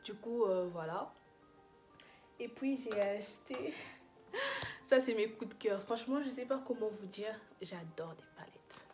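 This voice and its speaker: A woman's voice: a little high, moderate pace, darkish tone, faint music behind. A young woman chatting casually in a makeup review vlog, gushing and full of fillers and restarts. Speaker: beauty vlogger.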